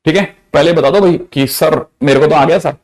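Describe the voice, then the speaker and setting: A man teaching a math class in a lively, teasing way, often repeating questions to get students to answer. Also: a little high, a little fast.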